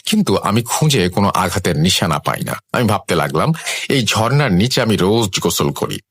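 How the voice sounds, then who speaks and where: Low-voiced man narrating a horror story. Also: moderate pace, breathy edge, dry recording. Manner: expressive, suspenseful.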